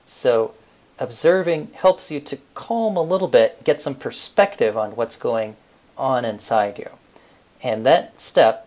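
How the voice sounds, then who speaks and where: A man on a podcast explaining a mind technique step by step, relaxed, with frequent fillers. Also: mid-range voice. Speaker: podcast co-host. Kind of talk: casual teaching talk.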